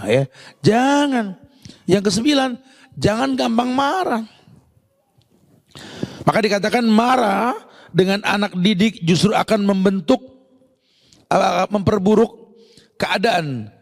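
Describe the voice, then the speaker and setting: A man's voice: high-pitched, in a large hall. A man preaching a sermon to a congregation, talking to his listeners directly and acting out parents and children. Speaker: Islamic preacher.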